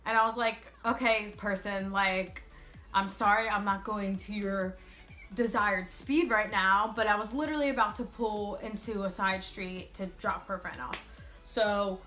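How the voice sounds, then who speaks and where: Female vlogger, twenties, bright forward tone, casual animated storytime, music underneath. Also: medium pitch, unhurried. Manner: animated retelling with quoted dialogue.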